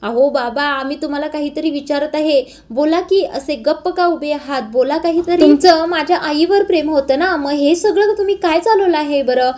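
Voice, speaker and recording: A woman's voice: sits high, moderate pace, few pauses, darkish tone, close to an everyday voice. A woman reading the lines of an angry, hurt young woman demanding answers. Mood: upset.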